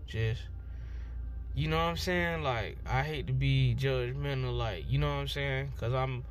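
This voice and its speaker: A young man with a mid-range voice speaks unhurriedly to the camera in a casual vlog, with a little background noise. He rambles in a heartfelt, emotional way, using plenty of slang.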